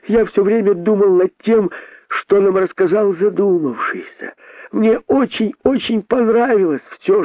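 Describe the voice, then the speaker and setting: A panicky rabbit begs for mercy in a voice pushed far above its usual pitch, played by a male storybook reader. The sound is thin and phone-like, with no room around it. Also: no room sound. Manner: high, pleading, panicky. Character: frightened, pleading male rabbit. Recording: dry, narrow phone-like sound.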